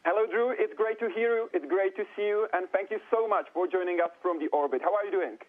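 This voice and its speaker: A man at mission control talking over a radio link to a crewed spacecraft, using quick, formal call phrasing. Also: high voice. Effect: radio link from the ground. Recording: muffled lo-fi radio line.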